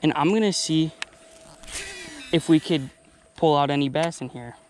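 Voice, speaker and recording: A man's voice: a little high, moderate pace, a little hiss or hum. Breathless young-sounding fishing vlogger man. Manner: excited, rambling, talks straight to viewers. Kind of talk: casual outdoor vlog narration. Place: outdoors by a pond. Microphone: action camera.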